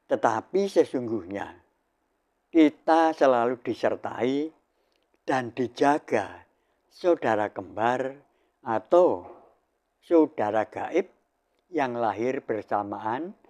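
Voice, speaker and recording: An older man preaches with great deliberation, setting down each short phrase and letting it rest before the next. His pitch sits at an ordinary middle height for a man, and the whole talk unfolds at an unhurried, almost halting pace. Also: darkish tone. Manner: measured, solemn, with long pauses between phrases. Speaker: spiritual teacher. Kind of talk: slow spiritual sermon.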